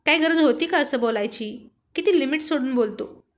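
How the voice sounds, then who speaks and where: A woman's voice: high-pitched, moderate pace, close to an everyday voice. A woman voicing a blunt young man who grumbles about a friend in a spoken story. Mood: grumbling.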